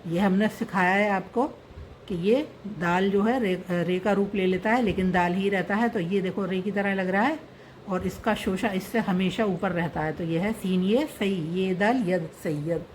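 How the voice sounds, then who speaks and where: A woman's voice: medium pitch, moderate pace, a little hiss or hum. A woman teaching how to read and write a script, patiently repeating each word and spelling it out piece by piece. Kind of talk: slow explanatory script lesson.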